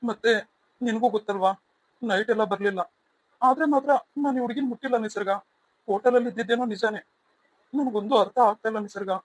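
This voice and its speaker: A man voicing a gentle, loving young husband in a cartoon serial, soft and soothing. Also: very high voice, quick pace, pauses often, no echo. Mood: tender. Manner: tender, soothing.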